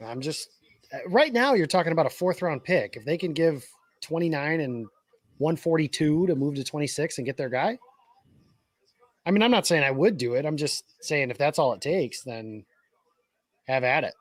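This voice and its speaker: A man co-hosts a casual live draft-night stream, calmly walking through picks and options. His voice sits at a medium pitch. The recording is dry and close. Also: normal speed, no echo. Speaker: co-host.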